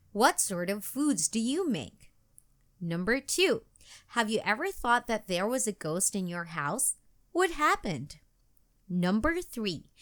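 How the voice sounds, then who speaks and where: A woman narrating a children's picture book aloud and asking discussion questions, with slow, expressive, sing-song storytelling. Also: mid-range voice. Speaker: storybook reader.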